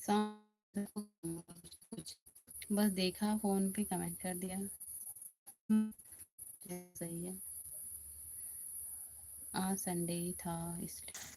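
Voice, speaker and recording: A woman hosting a casual live stream in a quiet back room of a house, chatting and answering viewer comments. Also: lowish voice, flat delivery, drawn-out words, long pauses, over music.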